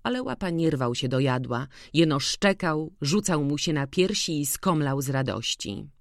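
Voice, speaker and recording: An audiobook narrator reading a classic literary novel in a measured, even manner. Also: mid-range voice, creaky, no room sound, clean studio sound.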